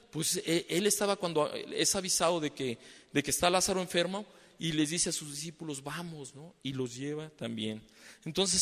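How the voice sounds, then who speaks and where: High-voiced preacher in a reverberant hall. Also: male voice, a bit bright. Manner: conversational, tags many lines with "¿no?"; repeats and restarts words. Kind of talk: sermon.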